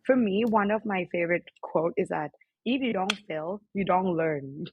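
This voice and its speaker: A woman's voice: on the low side, normal speed, narrow, tinny audio, a little hiss or hum. A young woman from Thailand with a Thai accent, co-hosting a casual podcast chat, talking chattily with lots of fillers and frequent laughs. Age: young adult. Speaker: podcast co-host.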